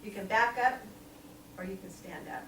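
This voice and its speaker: A woman in her sixties, serving as a lay preacher, delivers an informal sermon in a small church hall in a slightly bright, mid-range voice at normal speed. Chatty and laughing often, she uses lots of ums. A distant mic picks her up in a noisy, echoey room.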